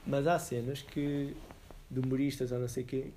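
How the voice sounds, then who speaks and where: Mellow young man chatting casually. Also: mid-range voice, flat delivery, a little hiss or hum. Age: young adult. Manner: informal and slangy, thinking aloud in halting repetitions. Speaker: podcast co-host. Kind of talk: casual chat.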